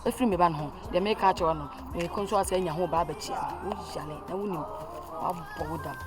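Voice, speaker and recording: A woman with a lowish voice talks fast over music, acting lightly in a Twi-language family drama. She plays a stern older mother who lectures her child at length with emphatic repeats, then turns to pleading.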